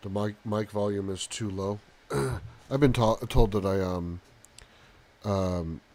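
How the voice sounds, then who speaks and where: A soft-spoken man hosting a live stream with casual commentary, halting often with pauses and ums. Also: lowish voice, steady tone. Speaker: live talk show host.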